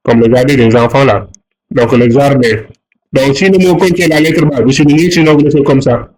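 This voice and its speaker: A man's voice: mid-range voice, steady tone, moderate pace, darkish tone, slight background noise, low-quality recording. Patient man teaching a lesson. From Senegal. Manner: patient, repeats and rephrases each point. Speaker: Arabic teacher. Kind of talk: online lesson explaining exercises.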